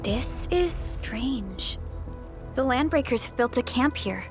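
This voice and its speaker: An actress playing a calm, focused young woman supervisor in a game, speaking in a measured, businesslike way. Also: a little high. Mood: serious. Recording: game audio with music.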